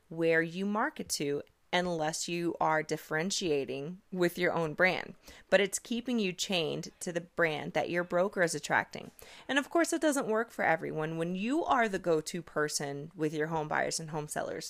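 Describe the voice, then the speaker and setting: A woman's voice: fairly low pitch, normal speed, a bit bright. Upbeat woman hosting a podcast. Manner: upbeat, persuasive, coaching tone. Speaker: podcast host, realtor. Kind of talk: conversational podcast monologue.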